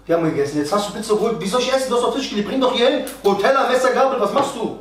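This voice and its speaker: A man argues quickly and angrily, his voice pitched high. He talks in slang and keeps swearing oaths. The sound is echoey and distant, with faint music behind him. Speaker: prank target, guest. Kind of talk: heated argument. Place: apartment indoors. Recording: echoey room, mic far off, faint music.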